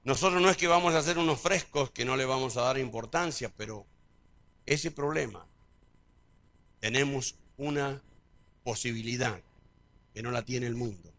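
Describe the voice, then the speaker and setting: A middle-aged man preaching a sermon, calling out to the congregation and swinging from quiet to loud. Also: mid-range voice, normal speed, long pauses, dry recording. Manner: call-and-response preaching, big swings in loudness. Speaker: pastor.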